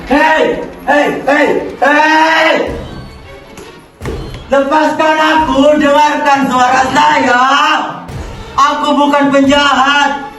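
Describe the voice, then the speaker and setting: Seorang perempuan memerankan pahlawan tragis tertindas, suara tinggi bergema. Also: female voice, sits high, flat delivery, drawn-out words, long pauses, fairly bright tone, heavily acted. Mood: desperate pleading. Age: teenager. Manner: anguished, pleading, dramatic declamation. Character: tragic heroine, poor chained prisoner pleading for justice. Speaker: student actor in a theatre monologue. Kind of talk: theatrical stage monologue. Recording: echoey hall from far off, music behind. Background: music.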